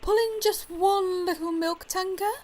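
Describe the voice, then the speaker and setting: Elizabeth, a man doing a shrill snooty lorry. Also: steady tone, a little slow, a little mellow. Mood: haughty. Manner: boastful, snooty, then meek. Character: haughty old female steam lorry.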